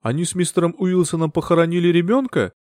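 A man voicing a composed young aristocratic woman who speaks calmly and politely. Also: quick pace, no echo, clean studio sound, natural voice. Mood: cool. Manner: calm, polite, low-key.

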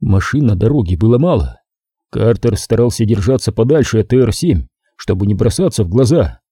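A man narrating a thriller audiobook in a measured, dramatic way. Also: lowish voice, lively intonation, mellow, husky, no room sound, studio quality.

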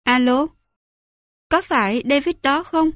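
A woman reads a scared young soldier, pleading and high-pitched, dry close sound. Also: fairly bright tone, no echo. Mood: anxious. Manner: pleading, rushed questions. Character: anxious young man, a soldier cook on the phone.

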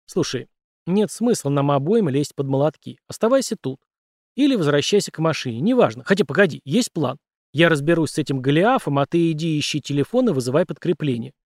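A man's voice: a little high, lively intonation, brisk, no room sound, studio quality. A man voicing a tough, blunt male police officer who gives his partner orders in an audiobook. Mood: determined. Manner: gruff, commanding, blunt. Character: tough, determined male street cop.

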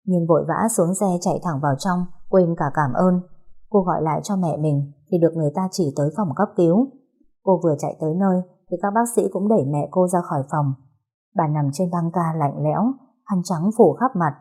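A woman narrating a dramatic audio story in a steady, measured way. Her voice sits low and sounds mellow and warm.

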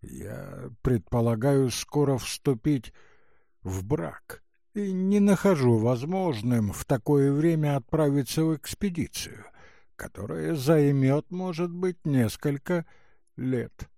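A man voicing a young male assistant who admits something quietly and hesitantly. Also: fairly high pitch, animated, slow, creaky, dry recording, clean studio sound, full character voice.

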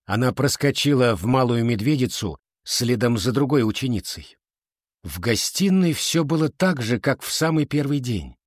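A male narrator reads a children's fantasy book in a measured, steady storytelling voice. His pitch sits in the middle of the range. The recording is close and dry, with no reverb. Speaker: audiobook narrator. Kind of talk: scripted narration.

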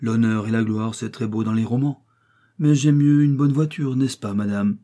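A man's voice: medium pitch, mellow, lightly acted. A man reading an audiobook voices a fawning older lady, once rich, who eagerly agrees about wealth. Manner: eager, ingratiating, quick to agree.

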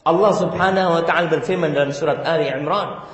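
Male preacher, animated sermon, chanted verses, fairly high voice, roomy echoing mosque sound. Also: fast, muffled recording. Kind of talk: Friday sermon. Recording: echoey hall, voice a bit far.

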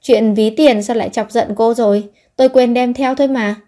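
A woman's voice: a little high, fairly even intonation, moderate pace, warm tone, close to an everyday voice. A woman voicing an exasperated young man in an audiobook, speaking with resigned restraint.

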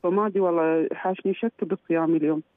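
Halting woman caller on a dry phone line. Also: lowish voice, fairly even intonation, dry recording. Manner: halting, trails off and restarts words. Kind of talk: phone call to a radio show.

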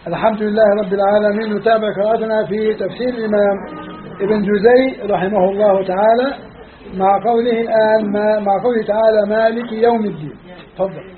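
A man with a Levantine Arabic accent lectures a class on scripture in a strikingly high voice, stressing each point and repeating it. The sound is squeezed and thin, like a phone line. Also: steady tone, quick pace. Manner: emphatic, repeats and counts off points. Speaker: religious teacher. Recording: phone-like narrow band.

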